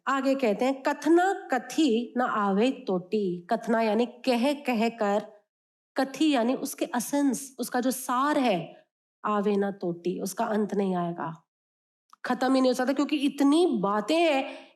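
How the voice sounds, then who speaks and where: A woman spiritual teacher explaining a sacred text line by line to her students, expressive and mixing in English phrases, with a sore throat. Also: high-pitched, unhurried.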